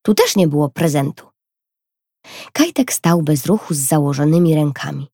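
A woman narrating a children's storybook in an expressive, lively reading. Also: sits low, moderate pace, no room sound, studio quality.

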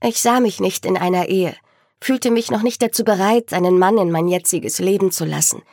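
A woman's voice: medium pitch, moderate pace, darkish tone, no echo, clean studio sound. Woman narrating a novel in first person. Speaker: audiobook narrator.

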